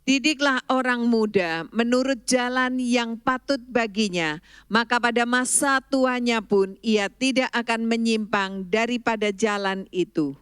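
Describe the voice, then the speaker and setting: A voice reading Bible verses aloud in a slow, measured recitation during a sermon. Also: mid-range voice, a bit bright, smooth, no echo, studio quality. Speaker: scripture reader.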